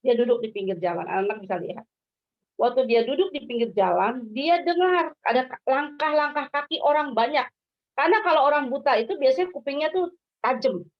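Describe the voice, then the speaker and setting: Woman doing a school devotion for kids, animated storyteller, keeps asking them questions, high pitched. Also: brisk. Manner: animated, asks the children questions. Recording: dull lo-fi sound.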